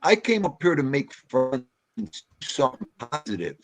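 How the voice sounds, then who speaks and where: A man's voice: medium pitch, very animated, normal speed. A man on a casual livestream panel, speaking in an emphatic, plain-spoken way and repeating his points. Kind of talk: casual chat.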